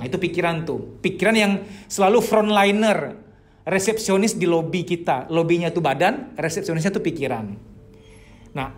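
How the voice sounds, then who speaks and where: Male therapist-lecturer, high voice, lively and expressive delivery. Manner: animated, acts out the inner voices of clients. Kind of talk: spoken psychology lecture.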